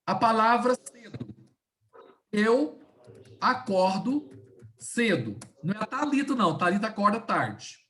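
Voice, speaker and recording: Woman teaching over a video call, patient step by step explaining, slows right down on the key words, keeps checking everyone's following, middle-pitched voice. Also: big pitch swings, a bit bright. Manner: didactic, checks in often with "tá?" and "né?". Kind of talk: online class lecture.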